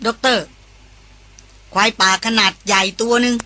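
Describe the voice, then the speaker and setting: A woman's voice: medium pitch, steady tone, moderate pace, bright, forceful tone, lightly acted. A woman voicing a tough, hot-tempered male jungle guide who talks in clipped, scolding commands in an audiobook.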